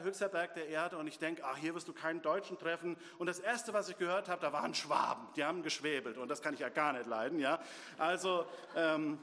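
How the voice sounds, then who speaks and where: A man delivers a sermon as pastor, firing off rhetorical questions and answering them in the same breath. His voice sits somewhat high, and the hall carries a long reverb behind him. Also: a bit bright.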